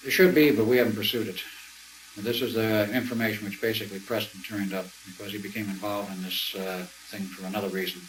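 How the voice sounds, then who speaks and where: An older man telling a long personal story as an interview guest, acting out quoted dialogue and clearing his throat now and then. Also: on the low side, flat delivery, fast talker, slight background noise, low-quality recording. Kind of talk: conversational storytelling.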